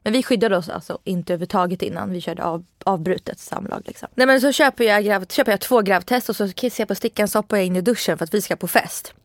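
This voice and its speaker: A woman's voice: medium pitch, few pauses, dry recording, studio quality. Chatty woman in her thirties. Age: 30s. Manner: chatty, lively retelling with quoted asides. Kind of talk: casual storytelling chat.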